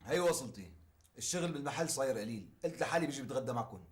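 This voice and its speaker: An actor playing a protective, insistent older brother in a TV drama. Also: male voice, mid-range voice, expressive, very fast, natural voice. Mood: coaxing. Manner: coaxing, insistent, rising to shouts. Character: protective young man, pushy and anxious. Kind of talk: TV drama acting.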